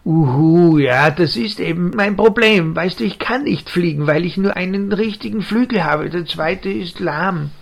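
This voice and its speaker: The narrator voicing a gentle, naive young male owl with a lame wing, who hoots and speaks earnestly in a children's audio story. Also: medium pitch, moderate pace, gravelly, hardly any pauses. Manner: hooting sounds, earnest and puzzled.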